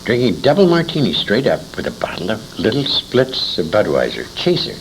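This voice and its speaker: In a noisy amateur interview taped at a 1980s convention, an older American man reminisces, rambling through emphatic anecdotes with asides to his listener. His voice sits on the low side, his pitch swoops wildly, and he keeps a moderate pace.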